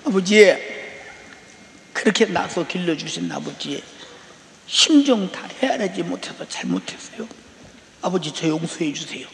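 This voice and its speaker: An older pastor voicing a tearful grown daughter. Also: male voice, high-pitched, expressive, moderate pace, vocal fry, pauses often, a little hiss or hum, full character voice. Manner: soft, pleading. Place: large church sanctuary. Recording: echoey hall reverb.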